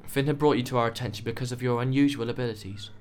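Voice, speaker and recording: A man voicing a calm, professional male researcher who speaks in an even, measured way. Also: mid-range voice, slight background noise, lightly acted. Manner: tranquil, measured.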